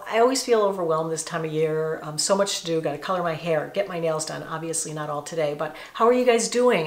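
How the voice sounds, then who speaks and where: A middle-aged woman vlogging from her home, chatting casually and confidingly to her viewers with many asides. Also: lowish voice. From northeastern United States. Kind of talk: casual vlog chat.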